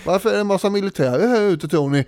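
A man's voice: sits high, a little mellow, smooth, no room sound, pitched above the performer's own voice. Man putting on a raised, quizzical deputy voice, suspicious questioning, dry sound. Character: puzzled grown man, a bickering deputy.

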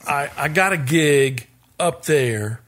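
A man in his fifties, a guest musician, telling stories in a relaxed interview with frequent laughs and restarts. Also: fairly high pitch, takes it slowly. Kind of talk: casual interview storytelling.

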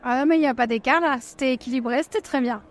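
High-voiced cheerful woman. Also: fast. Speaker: dietitian, event guest. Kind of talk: casual interview.

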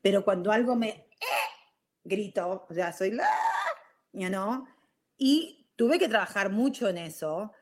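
A woman's voice: mid-range voice, lively intonation, unhurried. A middle-aged woman with a Rioplatense Spanish accent, hosting a live stream and chatting casually about personal growth, often ending her points with "ok?". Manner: chatty, frequent "ok?" tags. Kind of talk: casual talk on self-growth.

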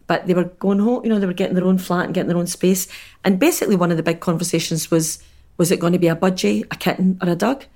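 A Scottish woman who works in drama and storytelling, telling anecdotes in an animated way during a casual conversation. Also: on the low side, quick pace.

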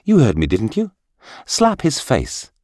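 A patient old royal minister speaks in a very deep, husky voice, as a storyteller puts him on. He stays quiet but firm, with a dry, close sound. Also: big pitch swings, takes it slowly, dry recording, full character voice. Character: wise calm older male royal minister.

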